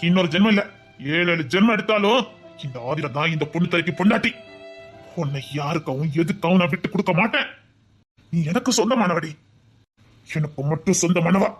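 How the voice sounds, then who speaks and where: An actor playing a stubborn, possessive young husband who insists, with a Tirunelveli Tamil accent. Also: male voice, high voice, fairly quick, long pauses, fairly bright tone, faint music behind. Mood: insistent. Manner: insistent, then apologetic.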